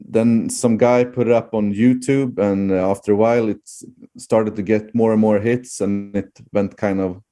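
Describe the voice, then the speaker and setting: A man's voice: lowish voice, fairly even intonation, moderate pace, mellow. A man with a Swedish accent chatting casually as an interview guest, hesitant and often searching for words. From Sweden.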